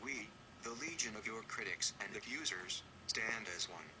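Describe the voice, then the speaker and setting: A man speaking through a disguised, deep, synthetic-sounding voice, reading a cold, measured, accusatory statement. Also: expressive. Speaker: anonymous spokesman. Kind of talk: scripted recorded statement. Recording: noisy recording.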